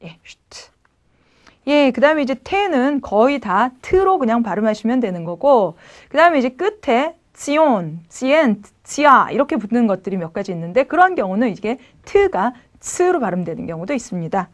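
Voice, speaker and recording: A woman teaching German pronunciation to Korean learners, patiently saying each word slowly and then repeating it. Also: fairly high pitch, sing-song. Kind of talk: pronunciation lesson.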